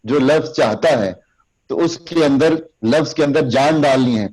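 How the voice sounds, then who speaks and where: A male instructor gives a lecture on oratory at an even, middling pitch. He explains each hand gesture step by step and talks straight to his students. His recited example lines come out louder, slower and emphatic. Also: rough recording. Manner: recites sample lines in a raised, slow, emphatic voice. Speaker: public speaking instructor. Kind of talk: classroom lecture.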